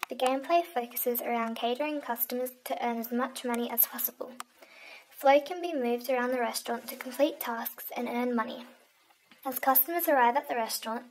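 A woman's voice: on the high side, low-quality recording. A young woman reading a scripted video game review aloud, evenly, with a few small slips. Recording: faint background noise with clicks.

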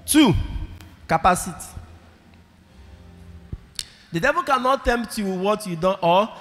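A male priest with a high, fairly bright voice preaches a slow, expressive sermon in a large church full of congregants, speaking into a handheld microphone. He is emphatic, repeating key phrases and calling for responses from the audience, with long church reverb on the recording.

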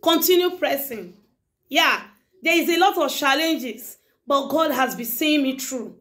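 Middle-aged woman, high voice, emphatic and preachy YouTuber monologue with lots of repetition. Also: unhurried, fairly bright tone. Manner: emphatic and preachy, repeats phrases. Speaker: YouTuber addressing her viewers. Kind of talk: casual monologue to camera.

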